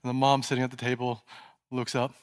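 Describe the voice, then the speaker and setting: A male pastor preaching a sermon in a church, telling a story and dropping to a soft, hushed voice at tense moments. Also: medium pitch, completely flat delivery, fast talker, clear, resonant tone.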